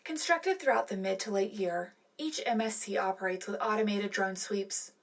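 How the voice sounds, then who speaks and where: Natural-sounding and medium in pitch, a woman reads at normal speed as a sincere, patriotic wartime radio co-anchor. The scripted news narration is earnest and dramatic.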